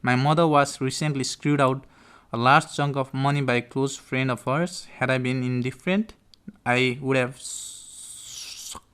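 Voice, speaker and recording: A man with a clear, smooth voice reads aloud in an informal podcast style. His delivery is halting, with stumbles and repeated words. He is recorded at home in a living room. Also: mid-range voice, fairly even intonation, fairly bright tone. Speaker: podcast host reading a book aloud. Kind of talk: informal audiobook read-aloud with casual asides.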